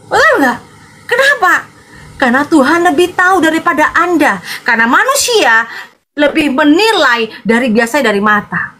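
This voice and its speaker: A woman evangelist from Madura, preaching in an animated livestream sermon and greeting her viewers by name, with a loud, sharp voice. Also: high voice, normal speed, slight background noise. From Madura, Indonesia.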